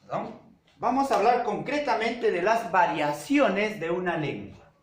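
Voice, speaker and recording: A man teaching a secondary school language class, speaking slowly and deliberately, repeating key terms and checking in with his students. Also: high voice, expressive, slight background noise. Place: classroom with a whiteboard. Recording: echoey classroom.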